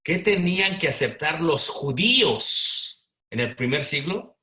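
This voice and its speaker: A man teaching a Bible seminar, pausing often to quiz his listeners with short questions. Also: a little high, animated, bright, forceful tone, roomy sound. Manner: quizzing the audience with "¿ok?" and "¿qué?".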